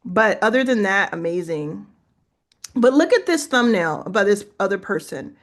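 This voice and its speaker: A livestream host coaches viewers on business in a casual live chat, her mid-range voice animated and moderately paced. She's friendly and encouraging, giving feedback while thinking aloud.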